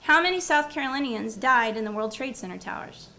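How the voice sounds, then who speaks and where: A woman's voice: a little high, expressive, a little fast, creaky, bright, forceful tone, slight background noise. A woman professor presenting at a university symposium before a live audience, moving from a prepared talk to quizzing the audience and repeating their answers. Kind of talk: academic presentation with audience quiz.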